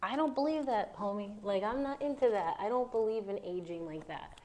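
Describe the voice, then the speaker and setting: A woman in her thirties guiding a relaxed mobility flow, talking softly and breathily with many half-whispered cues. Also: medium pitch, brisk. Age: 30s. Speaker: yoga instructor.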